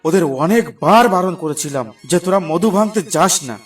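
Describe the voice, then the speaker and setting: A man's voice: on the high side, expressive, moderate pace, slightly rough, distant mic, soft background music. Man voicing a stammering, fretful village father. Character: anxious village father and husband.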